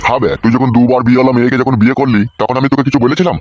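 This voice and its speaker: A man's voice: mid-range voice, fairly even intonation, rapid-fire, a little mellow, muffled recording, slight background noise, close to an everyday voice. A man voicing a fed-up, foul-mouthed village father in a comic cartoon, with a crude, complaining rant.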